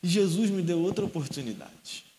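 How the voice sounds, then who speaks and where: A man's voice: high-pitched, expressive, normal speed, warm tone. A young male youth pastor with a Rio de Janeiro accent, telling a personal story in a sermon and acting out the dialogue. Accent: Rio de Janeiro Portuguese.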